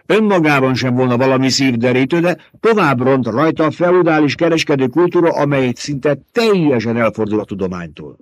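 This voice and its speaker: A man's voice: mid-range voice, animated, few pauses, no room sound, pitched above the performer's own voice, lightly acted. A man voicing a stern, scornful old woman who mocks and scolds in a domineering way. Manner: mocking and domineering.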